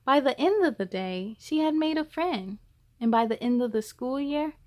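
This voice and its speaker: A high-pitched woman acting as story-time host reads a children's picture book aloud, taking a deliberate, expressive approach to the telling.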